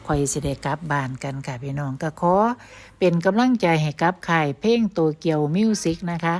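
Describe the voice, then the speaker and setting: Warm-voiced woman narrating a travel vlog. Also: low voice, animated, brisk. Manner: chatty, addresses viewers as "brothers and sisters". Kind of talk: voice-over narration.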